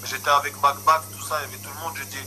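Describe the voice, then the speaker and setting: Fast, bright-voiced young man telling stories. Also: fairly high pitch, slight background noise. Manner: animated storytelling, acts out voices of others. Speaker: storyteller in a chat. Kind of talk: casual chat.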